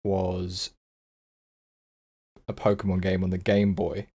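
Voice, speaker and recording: A man's voice: deep voice, completely flat delivery, takes it slowly, warm tone, slightly rough. A young man, a podcast guest, chatting casually and a bit hesitantly about his past. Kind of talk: casual chat.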